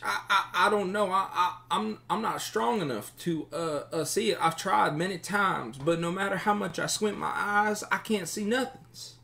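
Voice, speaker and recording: A man's voice: high voice, normal speed, vocal fry, hardly any pauses, pushed and bright, voice pushed up, full character voice. A man voicing a nervous, stammering captive bandit who speaks in a raised, anxious voice.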